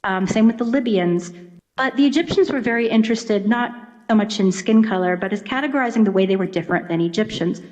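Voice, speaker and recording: Fast and darkish in tone, this woman's mid-range voice belongs to an Egyptologist being interviewed as a guest. She explains conversationally, acting out little imagined quotes, and the recording sounds dull and lo-fi.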